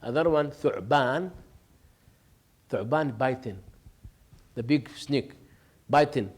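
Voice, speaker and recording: A man's voice: medium pitch, takes it slowly, slightly rough. A man, a sheikh giving an informal religious lesson, telling stories, joking and laughing, and acting out dialogue. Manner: conversational, jokes and laughs, acts out dialogue.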